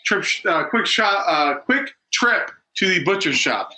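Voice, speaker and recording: A man's voice: high voice, animated, unhurried, bright, forceful tone, rough recording. A man co-hosting a casual watch-along podcast, rambling with many fillers and restarts. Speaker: podcast co-host. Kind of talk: casual chat.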